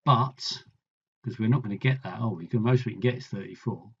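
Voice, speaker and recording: A man's voice: fairly low pitch, a little fast, creaky, fairly bright tone, breathy edge, lo-fi sound. A man tutoring, thinking aloud as he works through a maths problem, musing and trailing off mid-sentence.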